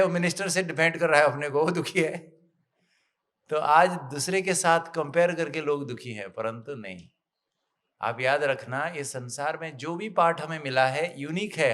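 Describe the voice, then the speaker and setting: A middle-aged man giving a motivational spiritual talk, telling a parable and acting out the characters in lively, excited bursts. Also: on the high side.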